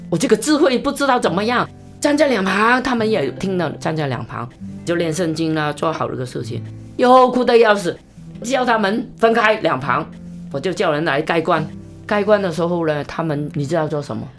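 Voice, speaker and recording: A woman evangelist telling a story in an interview, with a lively delivery, big pitch swings and quick, repeated phrases. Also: faint music behind.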